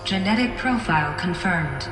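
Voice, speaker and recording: A female security computer that glitches as it speaks. Its voice sits low and flat, with every announcement clipped short. It echoes through the room, with loud game music playing behind it. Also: moderate pace. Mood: mechanical.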